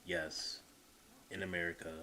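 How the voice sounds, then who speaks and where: A man with a very low voice talks through a live stream in a loose, halting way, filling gaps with ums. His speech is plain-spoken and unpolished, and a faint background noise sits under it. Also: little pitch movement, pushed and bright, low-quality recording. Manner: hesitant, many fillers, plain-spoken. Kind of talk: casual commentary.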